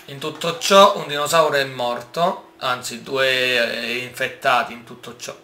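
Excitable gamer man in an echoey room. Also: mid-range voice, unhurried. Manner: excitable, swears and exclaims often, talks to viewers. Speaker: gaming YouTuber. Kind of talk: casual gameplay commentary.

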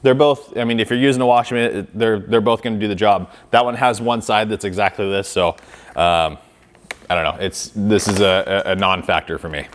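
Recorded on a lapel mic in a garage workshop, this thirty-something car detailing host walks through a product comparison in a relaxed, filler-heavy way, demonstrating with his hands. He has a fairly low voice, fairly even intonation and a moderate pace.

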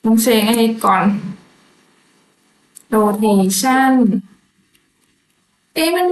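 A woman's voice: on the high side, roomy sound, rough recording. A woman streaming a building game live, chatting casually and musing to herself as she works. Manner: slow, musing, talks to herself.

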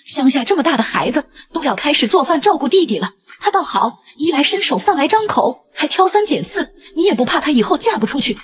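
A woman voicing a shrill, spiteful old grandma. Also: big pitch swings, brisk, hardly any pauses. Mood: scolding. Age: 60s. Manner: shrill and scolding. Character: mean, spiteful old grandmother who favors boys.

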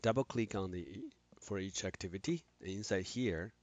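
A man with a deep, low voice walks through a software tutorial at his computer. He talks haltingly, restarting phrases and filling gaps with "uh". The recording is dry, with no room echo. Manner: halting, frequent restarts and fillers. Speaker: instructor.

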